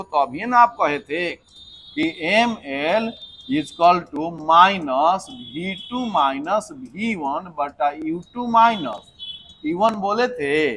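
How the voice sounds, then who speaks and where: A man teaching a physics lesson for exam preparation, mixing in English terms and answering his own questions. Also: sits high. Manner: lively, mixes English terms, asks and answers himself.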